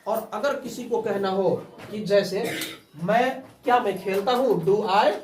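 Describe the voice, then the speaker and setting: A man's voice: sits high, measured pace. A man teaching a spoken English class, drilling students with call-and-response prompts. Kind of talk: classroom lesson. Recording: roomy, from far off the mic.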